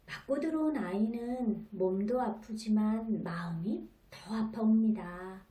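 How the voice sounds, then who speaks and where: Calm woman giving parenting advice. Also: mid-range voice. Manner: calm, explanatory, sometimes hushed. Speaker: parenting expert host. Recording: roomy, from a distance.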